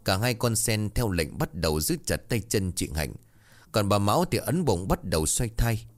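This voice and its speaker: A man's voice: on the low side, sing-song, moderate pace. A man narrating a folk horror story in a dramatic, brooding read.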